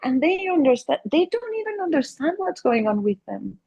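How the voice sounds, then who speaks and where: In an interview about her family therapy practice, a middle-aged Mexican woman speaks at normal speed in a high, very animated voice that is creaky and mellow. She is a native Spanish speaker with a Mexican accent. Her manner is earnest, marked by lots of fillers and restarts.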